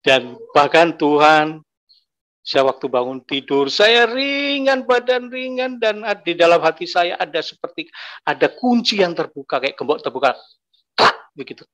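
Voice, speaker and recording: A man's voice: a little high, lively intonation, normal speed, a bit bright. A middle-aged man giving an emotional personal testimony, repeating himself and rising to anguished cries. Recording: dull lo-fi recording.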